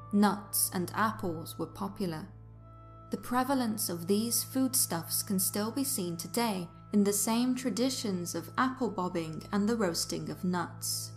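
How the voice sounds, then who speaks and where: Woman narrating a documentary over music. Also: mid-range voice. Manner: measured, formal, articulate delivery. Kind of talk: scripted narration. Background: music under the voice.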